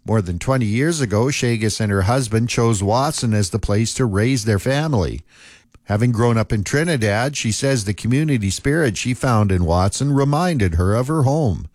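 A man's voice: fairly low pitch, no room sound. Man reading local news, dry sound. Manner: steady, measured delivery. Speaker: news anchor.

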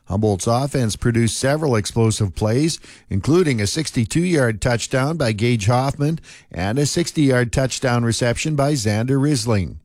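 A man's voice: mid-range voice, dry recording. Man reading local news, dry sound. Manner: steady, measured delivery. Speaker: news anchor.

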